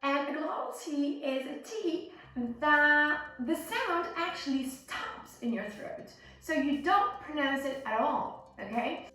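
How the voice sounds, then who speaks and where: A woman with a high, slightly bright voice teaches American English sounds, demonstrating words and frequently checking that the learner is following. The instructional recording is very echoey, with a distant mic and faint music.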